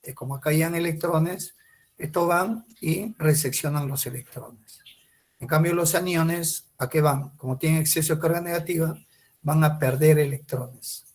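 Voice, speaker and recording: A man's voice: on the high side, moderate pace. A man teaching a chemistry class, asking questions and answering them himself, repeating key words for emphasis. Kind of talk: recorded class lecture.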